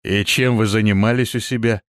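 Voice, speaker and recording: A man voicing a swaggering, brutish deputy sheriff who talks down to newcomers in a loud, leering way. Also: fairly low pitch, steady tone, brisk, smooth, dry recording, clean studio sound, natural voice.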